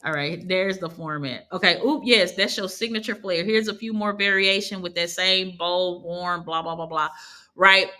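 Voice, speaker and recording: A woman's voice: lowish voice, steady tone, normal speed, bright, forceful tone. A woman teaching an online class in a casual, chatty way, laughing easily and correcting herself as she goes. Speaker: online course instructor. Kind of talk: casual live teaching over screen share.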